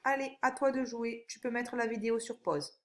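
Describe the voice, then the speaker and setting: A woman, a primary school teacher, giving a recorded phonics lesson for young children, with slow, clear and encouraging instructions. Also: on the high side, steady tone. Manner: stretches out single words when reading them aloud.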